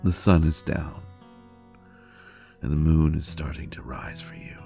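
Over soft background music, a man voices an ancient vampire addressing his lover in intimate roleplay audio acting, fully in character. The tone is dark and mellow, extremely low with gravelly fry, and he sounds sheepish and affectionate, soft, halting and sincere, with a touch of melodrama.

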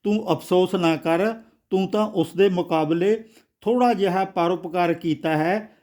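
Guy doing a gentle humble scholar in a storybook, soft and loving, slow. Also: sits high. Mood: sorrowful. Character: gentle older male scholar, humble and tearful.

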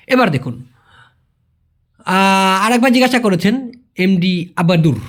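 A man teaching an informal language lesson, answering viewers' questions in a chatty way, repeating key words and checking that the listener understood. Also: high-pitched.

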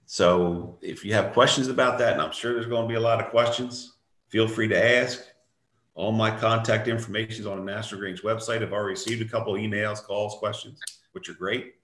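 This older man speaks in a low voice, plain and reassuring, as he gives an update on a video call. His voice carries a good deal of echo from the room he sits in at home. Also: fairly even intonation, brisk, a bit bright. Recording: echoey room.

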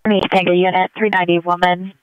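A man's voice: high voice, level tone, quick pace, smooth, no echo, dull audio. A man working as a police dispatcher, reading out a call procedurally over police radio. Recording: police scanner radio transmission.

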